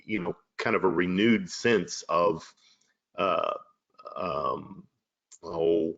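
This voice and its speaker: A man with a very deep voice hosts a casual chat. He talks in an affirming, rambling way with fillers, and his voice comes through a dull, muffled video call. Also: extremely slow, a bit bright.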